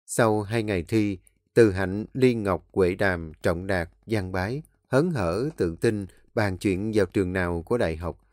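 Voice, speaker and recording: A man narrating an audiobook in a steady storytelling manner. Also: lowish voice, dry recording, studio quality.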